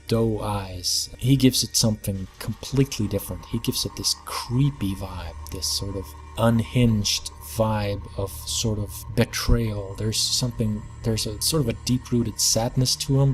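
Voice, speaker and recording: A man's voice: fairly low pitch, measured pace, few pauses, soft background music. A young man giving an enthusiastic, rambling movie review, stacking adjectives and repeating words for emphasis. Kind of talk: casual video review.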